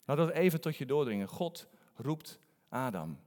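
A man preaching a sermon in a conversational, animated storytelling manner. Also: medium pitch, normal speed, in a large hall.

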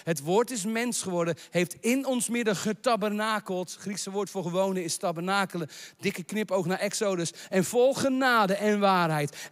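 A man preaching a sermon, building to shouted proclamations and dropping in English phrases. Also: high-pitched, big-room sound.

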